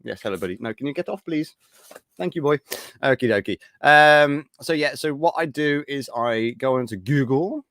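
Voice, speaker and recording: A man's voice: on the high side, normal speed, fairly bright tone, no room sound, clean studio sound. A British man hosting a casual live-stream show from home, upbeat and rambling, with many fillers. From Britain.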